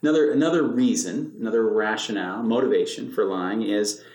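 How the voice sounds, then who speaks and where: A man's voice: on the low side, fairly quick, a little mellow, echoey room, rough recording. An older man co-hosting a casual podcast, explaining ideas with dry, sarcastic humor. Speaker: podcast co-host.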